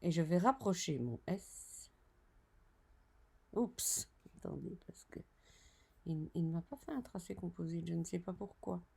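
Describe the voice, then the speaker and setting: Lady doing a software tutorial, slow and chatty, gravelly voice, talks through each click. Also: lowish voice, lively intonation. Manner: chatty, narrates each step, self-correcting asides. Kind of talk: screen-recorded software tutorial.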